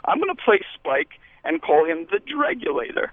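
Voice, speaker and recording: A man voicing an excitable, defensive male puppet who calls in over the phone and rambles, quick to get riled up. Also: high-pitched, no echo. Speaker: caller. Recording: tinny phone line.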